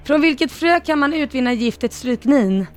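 A woman co-hosting a radio show, reading quiz questions briskly and clearly. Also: high voice, lively intonation, a little mellow. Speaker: radio co-host, quiz reader.

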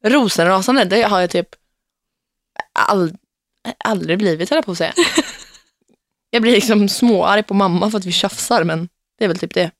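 A woman's voice: mid-range voice, long pauses, no room sound, clean studio sound. A young woman hosting a casual podcast, telling stories animatedly, acting out quotes and laughing often. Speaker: podcast host.

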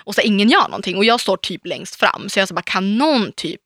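Bright-voiced outspoken woman chatting. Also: medium pitch, no room sound, clean studio sound. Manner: animated storyteller, mixes in English phrases; stubborn, outspoken. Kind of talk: casual chat.

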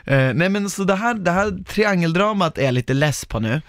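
A young man co-hosting a casual podcast, animated and quick to laugh, acting out what others said. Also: high-pitched, dry recording, studio quality. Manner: animated, laughs often, acts out quotes. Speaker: podcast co-host. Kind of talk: casual chat recapping a reality show.

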